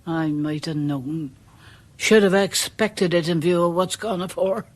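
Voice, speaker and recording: An actress in a radio drama plays a superstitious, deferential village charwoman, speaking in a rural English accent with a halting, folksy delivery. Her voice sits fairly low, and she sounds shaken and ominous.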